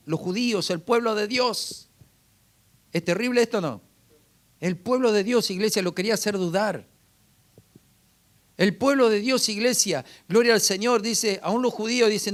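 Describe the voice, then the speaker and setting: A man's voice: high-pitched, moderate pace. A man preaching a sermon as pastor, often calling out to the congregation with rhetorical questions.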